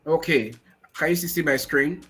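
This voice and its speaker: A man giving an energetic motivational webinar talk over a video call, repeating phrases for emphasis. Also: on the high side, moderate pace, over music. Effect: heard over a video call. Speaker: guest speaker. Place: at home in Nigeria on a shaky connection.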